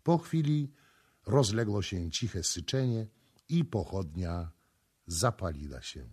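A man with a husky voice reading a classic novel aloud in an expressive, dramatic style. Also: low-pitched, slow. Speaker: audiobook narrator. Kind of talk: literary audiobook narration.

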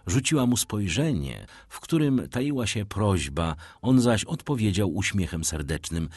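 A man narrating a classic novel as an audiobook, in an expressive reading. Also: fairly low pitch, dry recording, studio quality. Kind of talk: scripted narration.

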